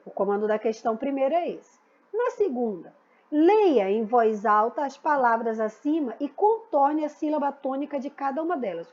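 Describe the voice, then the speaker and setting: A woman's voice: fairly high pitch, dull audio. Patient woman teaching a lesson. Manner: patient, explanatory, repeats key words. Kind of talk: recorded school lesson.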